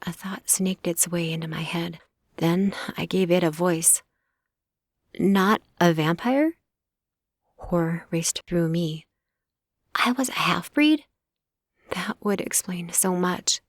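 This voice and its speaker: A woman narrating a first-person audiobook in a hushed, intimate way, often close to a whisper, on a close studio mic. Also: lowish voice, measured pace, breathy edge, no echo.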